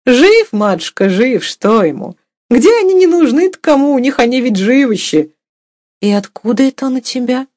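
A woman voicing a rough, sharp-tongued peasant cook who scolds in loud, drawn-out exclamations. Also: sits high, lively intonation, no echo, clean studio sound, pitched above the performer's own voice. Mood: gossipy.

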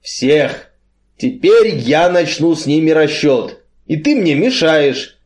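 A big, gloomy strongman with a muffled, blunt way of speaking, voiced by a man reading aloud. He talks slowly and heavily, and his voice sits a touch high. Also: expressive, a little mellow. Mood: grim. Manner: muffled, blunt, slow and heavy.

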